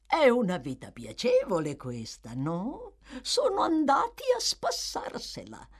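A woman voicing a sly, coaxing old man who trains young thieves, in a low, soft, drawn-out manner. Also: huge pitch swings, slightly rough, heavily acted. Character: sly, wheedling old male fence, coaxing.

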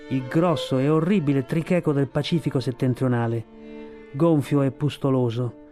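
A man reading a storybook aloud for radio, in a steady, expressive storytelling voice. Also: fairly high pitch. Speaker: reader.

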